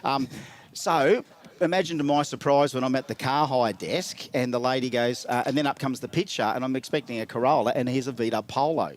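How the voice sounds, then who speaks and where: A talkative Australian man at a middling pitch, rattling through a road-trip yarn in a casual interview. He laughs easily and slips into little voices when he quotes people, keeping the tale loose and jokey. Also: a little fast. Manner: chatty yarn-spinner, laughs often, acts out others' lines. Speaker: event guest, driver.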